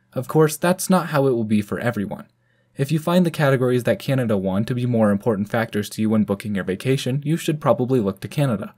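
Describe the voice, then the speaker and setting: A man's voice: medium pitch, mellow. A man from the United States hosting a channel and narrating a scripted ski review as voice-over. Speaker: channel host.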